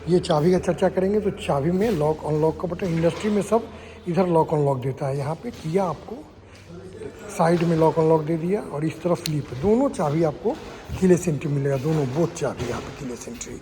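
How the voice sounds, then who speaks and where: A man gives a car walkaround review and reels off one feature after another, often checking in with the viewer. His voice sits a little high. The recording is noisy, with clear sounds around him. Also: a little fast. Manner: lists features, checks in with tag questions.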